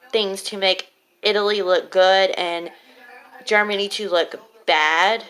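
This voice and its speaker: A woman speaks at a slow pace in a mid-range voice, her articulation slightly off from a swollen lip. She gives an informal academic presentation as a student, hesitant and halting, with long pauses between phrases. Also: mid-range voice, fairly bright tone. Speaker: college student giving a class presentation.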